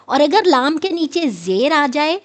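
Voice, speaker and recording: A woman with a fairly high voice teaches recitation in a steady, patient way. She stretches out each demonstrated sound slowly so learners can follow. She sounds middle-aged and calm in her instruction. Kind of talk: instructional lesson.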